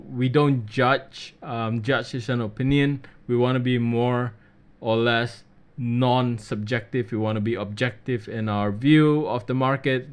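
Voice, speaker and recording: A man hosting a live trading webinar, reading out viewer questions and answering them in a casual, relaxed way. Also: mid-range voice, clean tone. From Australia.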